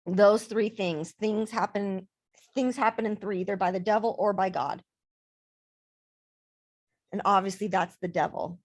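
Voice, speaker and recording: A woman life coach talking casually to camera in her vlog, emphatic and repeating words for stress. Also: medium pitch.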